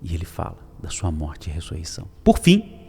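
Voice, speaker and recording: A man giving a daily devotional sermon, emphatic and swinging from loud calls to soft whispers. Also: rumbling low, flat delivery, quick pace, husky, faint music behind. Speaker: preacher.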